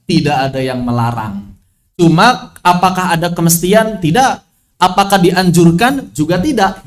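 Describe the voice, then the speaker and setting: High-voiced man teaching over a video call. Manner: repeats key phrases, mixes formal and casual speech. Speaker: religious teacher. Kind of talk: online lesson on Quran recitation.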